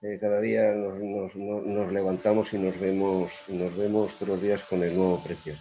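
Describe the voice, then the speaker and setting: A man's voice: sits low, flat delivery, moderate pace, dark tone, a little hiss or hum. A man with an accent from Spain, an energy company executive speaking in a panel debate over a video call, hesitant and often repeating his words. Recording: dull lo-fi call audio.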